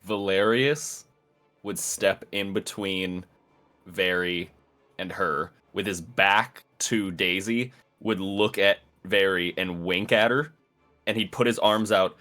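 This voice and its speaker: A man's voice: low-pitched, takes it slowly, pushed and bright, soft background music. A man player in a tabletop game, describing his character's actions in a laid-back, rambling way.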